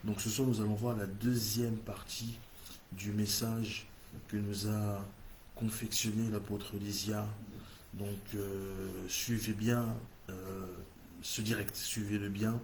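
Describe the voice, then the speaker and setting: A man's voice: fairly low pitch, flat delivery, slow, a little mellow, a little hiss or hum. A man with an English-speaking accent hosting a church livestream, leading a fervent, repetitive prayer in French. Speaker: church host.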